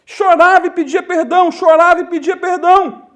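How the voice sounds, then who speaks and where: High-voiced Brazilian preacher. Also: male voice, steady tone, fairly bright tone. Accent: Brazilian Portuguese. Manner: storytelling preacher addressing the congregation as "queridos" and "irmãos"; slows down to stress key phrases. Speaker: pastor. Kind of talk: sermon.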